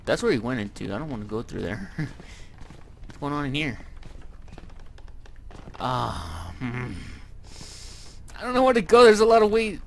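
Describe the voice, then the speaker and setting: A man's voice: on the high side, big pitch swings, a little slow, creaky, pauses often, a little hiss or hum. Jumpy, swearing young gamer man. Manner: jumpy, swearing, nervous laughter. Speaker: gamer playing a horror game. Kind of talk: let's-play commentary. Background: game music.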